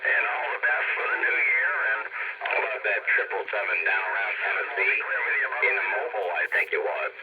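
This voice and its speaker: A man's voice: sits low, sing-song, a little fast, long pauses, breathy edge. A man signing off over a distorted CB radio transmission that keeps breaking up, in friendly, clipped radio procedure talk. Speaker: radio operator. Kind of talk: radio sign-off. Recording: tinny, distant radio speaker with heavy static.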